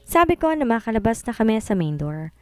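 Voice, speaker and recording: A woman narrating a romance story in a steady, even reading voice. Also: on the high side, a little fast, no room sound.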